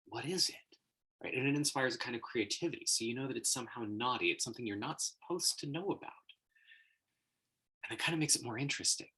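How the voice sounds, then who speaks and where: A man's voice: mid-range voice, fast talker, sharp tone, slightly rough, rough recording. A man talking casually as host, explaining an idea at length, laughing often and acting out quoted voices. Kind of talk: casual explanatory livestream talk.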